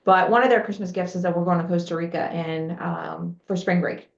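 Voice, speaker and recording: Middle-aged woman guest, low-ish gravelly voice, roomy echoey sound, friendly storytelling. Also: steady tone, a little fast. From born in Lebanon, raised in Texas. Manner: friendly and open, storytelling with fillers. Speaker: guest, business founder. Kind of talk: casual interview chat. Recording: roomy, dull lo-fi remote audio.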